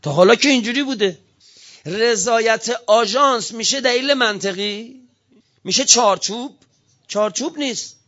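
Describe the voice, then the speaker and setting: A man's voice: extremely high pitch, fairly bright tone, lo-fi sound. A man giving an impassioned speech, firing off heated rhetorical questions one after another. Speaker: speaker giving a political talk.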